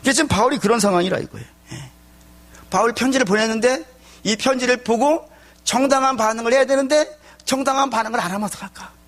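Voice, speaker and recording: A male pastor preaching a sermon, telling stories in an animated way and asking rhetorical questions. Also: extremely high pitch, fast.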